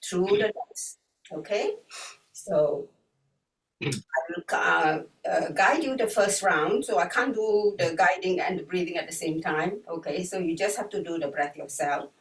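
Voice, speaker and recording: A woman guiding an online breathwork and yoga class in an unhurried, gently instructive way. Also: on the low side, slight background noise. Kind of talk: guided online class instruction, with chanted mantras. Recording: roomy echo, distant from the mic.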